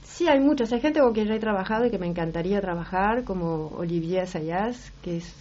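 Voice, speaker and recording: Her medium-pitched, mellow voice moves briskly with lively intonation. She's a middle-aged Uruguayan actress and singer with a Rioplatense Spanish accent, answering interview questions thoughtfully in a relaxed conversation and often restarting sentences, heard through slightly muffled broadcast audio.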